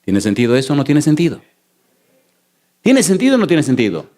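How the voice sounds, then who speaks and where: Pastor, man, church sermon; emphatic, fires off rhetorical questions, slows for stress, then races. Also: a little high, huge pitch swings, mellow. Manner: shifts between slow stressed phrases and rapid runs. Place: church sanctuary. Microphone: sermon recording.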